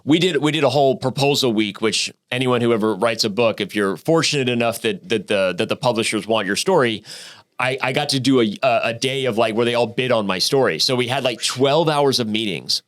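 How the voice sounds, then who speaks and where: A man in his thirties from Arizona, a podcast guest telling his story in a lively, profane way with many restarts and fillers. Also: mid-range voice, a little fast. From Arizona, United States. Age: 30s. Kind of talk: casual storytelling interview.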